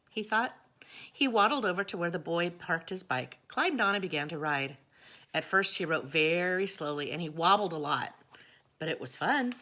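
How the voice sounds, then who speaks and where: A woman reading picture books aloud to children, with gentle, chatty asides to her young listeners. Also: on the low side. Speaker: storytime reader.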